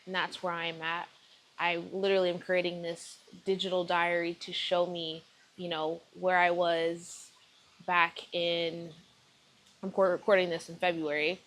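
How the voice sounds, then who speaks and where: A woman's voice: lowish voice, level tone, a little slow, fairly bright tone, poor audio. A woman, talking casually to camera in a rambling video diary full of fillers and self-corrections. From Texas, United States. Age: 30s. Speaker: vlogger.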